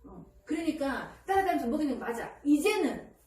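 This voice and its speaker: A woman giving parenting advice in casual counseling talk, lively and animated, often acting out a child's voice. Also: high-pitched, a little fast. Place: counseling room indoors. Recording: echoey room from a distance, faint ambient noise.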